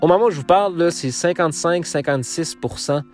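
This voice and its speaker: Soft music backs this fast-talking man from Quebec as he signs off his solo podcast. He has a slightly high voice and a Quebec French accent, and he keeps stumbling into fillers and restarts.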